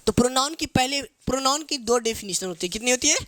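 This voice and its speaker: A male English teacher, teaching grammar to a live classroom in call-and-response style and dictating English phrases slowly. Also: very high-pitched, animated, a bit bright, dry recording. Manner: call-and-response drilling, asks students to repeat each answer. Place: classroom with students.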